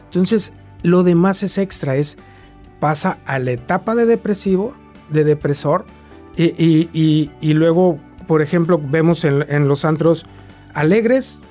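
A man, a guest specialist explaining in a halting way with many restarts. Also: a little high, darkish tone, faint music behind. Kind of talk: explanatory talk-show interview.

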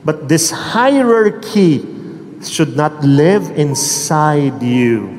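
A man preaching a sermon at a worship gathering, slow and emphatic, moving between English and Filipino as he tells a story. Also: fairly high pitch, expressive, darkish tone. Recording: hall reverb with faint music.

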